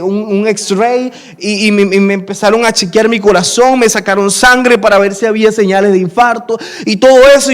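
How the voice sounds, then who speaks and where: High-voiced pastor preaching. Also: male voice. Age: 30s. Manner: animated storyteller acting out dialogue. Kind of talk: sermon with personal storytelling.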